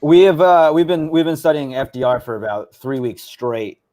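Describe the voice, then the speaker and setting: A young man co-hosting a casual history livestream, chatty and quick to laugh. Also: on the high side, lively intonation, darkish tone.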